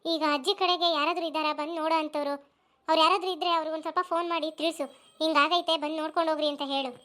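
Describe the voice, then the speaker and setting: A fussy village woman fills this cartoon scene, scolding and mothering in a very high, piping voice, as a woman acts her out. She talks in a quick, bustling stream. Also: steady tone, sharp tone. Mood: consoling. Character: caring, bossy village woman, elder-sister type. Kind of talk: cartoon voice acting.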